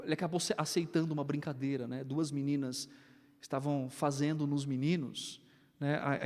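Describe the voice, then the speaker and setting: Brazilian pastor preaching in a reverberant church. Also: male voice, a little high. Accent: Brazilian Portuguese. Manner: animated storytelling, acts out family dialogue. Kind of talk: sermon with personal anecdotes. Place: church sanctuary, indoors. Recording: long reverb of a church hall.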